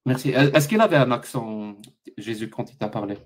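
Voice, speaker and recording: A man's voice: mid-range voice, expressive. Sarcastic man hosting a live debate. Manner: sarcastic, pressing with rapid questions. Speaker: debate host.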